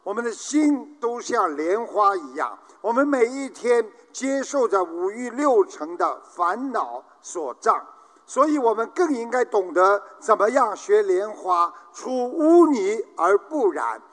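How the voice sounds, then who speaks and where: A man giving a Buddhist sermon, speaking in a slow, measured way. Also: sits high, very animated, a bit bright, long reverb tail. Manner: slow, measured preaching, acting out joke characters. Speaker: Buddhist preacher. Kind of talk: sermon with jokes.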